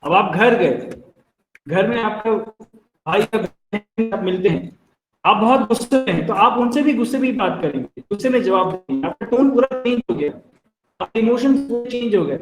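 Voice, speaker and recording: Indian male trainer, high-pitched, friendly explainer, lecture in a reverberant room. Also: animated, moderate pace, over loud music. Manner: explains with everyday examples, addresses listeners as friends. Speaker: telecalling trainer. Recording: echoey room.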